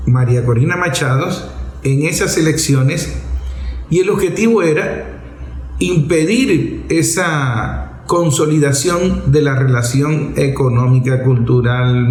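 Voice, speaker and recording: A Venezuelan man hosts a political opinion programme, offering off-the-cuff commentary that is didactic and emphatic. His voice is mid-range with a darkish tone, and there is a roomy echo on it.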